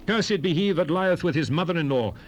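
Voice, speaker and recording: Guy doing solemn bible prophet proclaiming blessings and curses, highish voice, old 70s cassette hiss. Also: animated, natural voice. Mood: solemn, stern. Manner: solemn, declamatory, measured. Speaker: scripture reader in a dramatized Bible. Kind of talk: solemn dramatized scripture recitation. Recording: hissy 1970s cassette recording.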